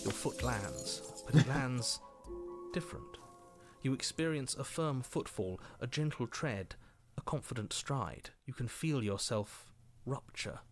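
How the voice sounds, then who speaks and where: A man playing a solemn, stern storybook narrator in a dark game, delivering scripted narration. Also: mid-range voice, expressive, measured pace. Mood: grave. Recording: game audio over prominent music.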